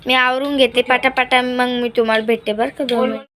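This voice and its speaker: A woman's voice: high-pitched, flat delivery, a little fast, fairly bright tone. A young woman chatting to viewers as a family vlogger while cooking in her home kitchen. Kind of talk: casual family vlog chat.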